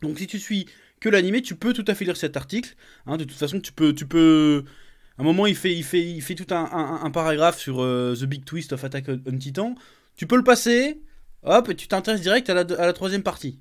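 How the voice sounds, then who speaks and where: Animated French man with a slightly high voice. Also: brisk. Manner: animated, jokey and crude, many fillers and restarts. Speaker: YouTube manga commentator. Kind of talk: casual reaction video monologue. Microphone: webcam with a desk microphone.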